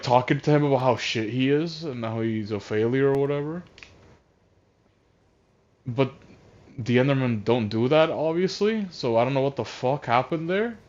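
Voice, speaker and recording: A man ranting casually on a voice call, rambling and exasperated, with lots of swearing and restarts. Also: medium pitch. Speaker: streamer. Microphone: voice chat headset. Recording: dull lo-fi console chat audio.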